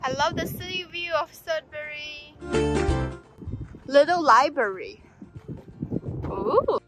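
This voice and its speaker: A young woman with a high, lively voice narrates a casual travel vlog into a phone held at arm's length, slowly and cheerfully describing the places she visits. She films both in a car and outdoors on her trip, with background music playing.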